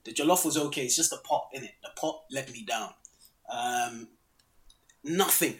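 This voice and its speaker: A man hosting a casual chat, animated and full of slang, often murmuring agreement. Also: medium pitch, moderate pace. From Ghana heritage, London. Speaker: host.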